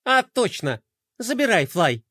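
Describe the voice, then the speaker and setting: A sharp-tongued young girl who teases her brother, as a man reads her out. Her voice sits high and mocking. The sound is dry and close. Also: very animated, unhurried, no room sound, heavily acted. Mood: offhand. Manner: sarcastic, teasing.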